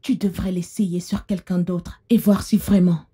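A woman's voice: on the low side, fairly even intonation, normal speed, warm tone, husky. A woman dubbing a pushy, scheming older mother-in-law in a film, with a coy, insinuating way of talking. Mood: prying. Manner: insinuating, coy about blunt topics. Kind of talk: French film dub.

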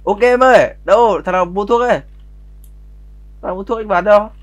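A man, streaming a roleplay game in casual, brash chat and swearing freely. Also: sits high. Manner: brash, swears freely, quick to pick arguments.

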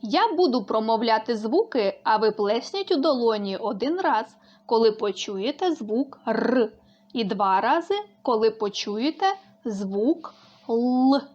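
A woman speech therapist leading a lesson with slow, clearly articulated sound drills. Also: a little high, lively intonation, darkish tone, highs cut off.

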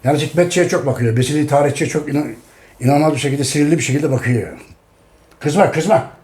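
A middle-aged man with a warm, mellow voice and a slightly high pitch. He talks casually and emphatically to his audience, repeating each phrase as he goes. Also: brisk. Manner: addresses his audience directly. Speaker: host. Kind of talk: casual talk.

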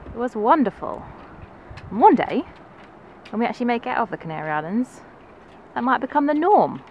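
A woman's voice: on the high side, very animated, brisk, highs cut off. A woman vlogging casually outdoors on a sailing boat, chatty and laughing as she talks. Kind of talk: casual vlog narration. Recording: noisy open-air deck recording. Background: wind and water noise.

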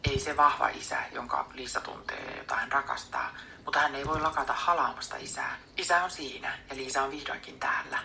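A woman reading a book aloud in a soft, unvoiced whisper, as an audiobook reader. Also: a bass voice, fairly even intonation, vocal fry, few pauses, a little hiss or hum.

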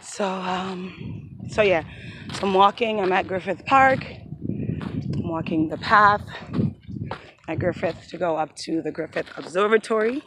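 This woman in her thirties speaks on the low side, a little slowly and with long pauses, against a noisy background. She's vlogging casually on a phone held out at arm's length as she climbs an outdoor park trail, a bit breathless, reflective, devout and near tears.

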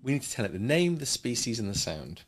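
A man's voice: medium pitch, very animated, quick pace, slightly rough. A man teaching a coding lesson in a chatty way, explaining with playful asides. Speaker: programming teacher.

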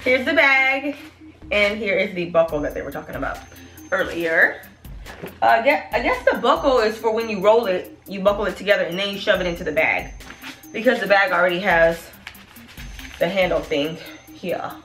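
A woman in her thirties, a family vlogger chatting casually to her viewers in a product review, animated and calling them y'all. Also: medium pitch, normal speed, soft background music. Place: small room in front of a plain wall. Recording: echoey room.

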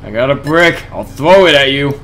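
A man's voice: medium pitch, expressive, normal speed, fairly bright tone, faint music behind. A man giving horror game commentary who swears and talks to the monsters. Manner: jumpy, swears and yelps at scares. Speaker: gaming YouTuber.

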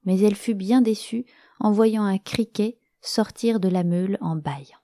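A woman storyteller narrating a children's story in a gentle, expressive way, sometimes dropping to a whisper. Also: mid-range voice, normal speed, dry recording, studio quality.

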